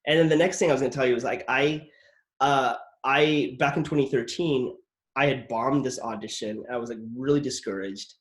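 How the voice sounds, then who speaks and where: A man of medium pitch and moderate pace hosts a relaxed interview podcast. Drawing on his acting career, he rambles through stories, repeatedly saying "like" and backing up to restart. He is an actor as well as a host.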